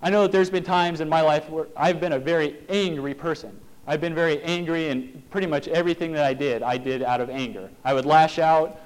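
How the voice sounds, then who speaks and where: A man giving a sermon in an earnest, plain-spoken way, slowing down for emphasis. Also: on the high side, fairly even intonation, rough recording. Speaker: preacher.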